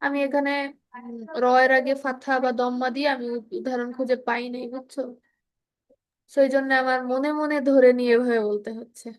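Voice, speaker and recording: High-voiced woman teaching patiently. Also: little pitch movement. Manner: patient, explains slowly, models sounds. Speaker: Quran reading teacher. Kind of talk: online kids class lesson.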